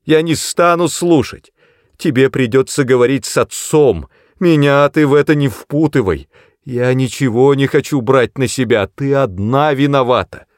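A man's voice: moderate pace, no echo, studio quality, close to an everyday voice. A man voicing a hysterical middle-aged mother who shrieks and wails in panic. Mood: shrieking. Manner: shrill, wailing, sometimes moaning.

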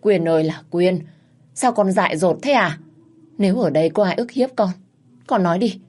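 A woman voicing a distraught middle-aged mother pleading loudly with her daughter in a spoken story. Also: fairly low pitch, normal speed, pitched above the performer's own voice, lightly acted.

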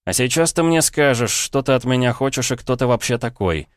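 A man's voice: medium pitch, brisk, dry recording, clean studio sound, pitched above the performer's own voice, close to an everyday voice. A man voicing a defiant, cool-headed young male mage who speaks firmly and steadily in a storybook reading. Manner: firm, steady, challenging.

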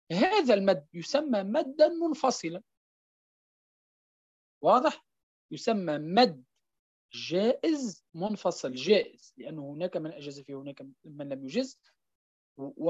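A woman's voice: lowish voice, a little mellow, husky, no room sound, lo-fi sound. A woman teaching a tajweed lesson, repeating each point and checking that her students follow. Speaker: Quran recitation teacher.

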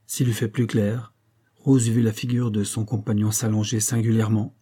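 Dark, husky male audiobook narrator. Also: on the low side, flat delivery, normal speed. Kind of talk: scripted narration.

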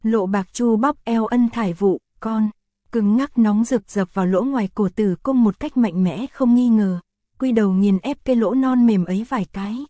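Woman narrator, steady reading, mellow dark voice, dry close mic. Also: fairly high pitch, normal speed, dry recording. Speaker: audiobook narrator. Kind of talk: scripted narration.

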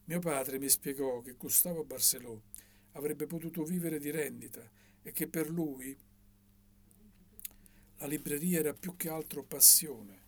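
Husky-voiced man reading a novel. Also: fairly high pitch, a little slow. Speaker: audiobook reader.

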